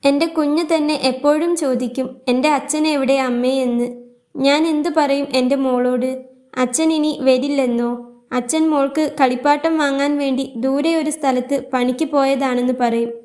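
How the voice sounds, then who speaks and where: A woman's voice: high-pitched, fairly even intonation, moderate pace, a little mellow, close to an everyday voice. A woman reading as a grieving young mother. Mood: sorrowful. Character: grieving young widowed mother, gentle, weary.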